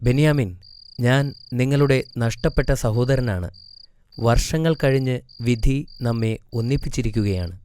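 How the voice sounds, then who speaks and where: Guy reading a kind gentle prophet brother in a kids' story, warm mellow voice. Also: mid-range voice, a little slow, a little hiss or hum, lightly acted. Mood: tender. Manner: gentle, tender.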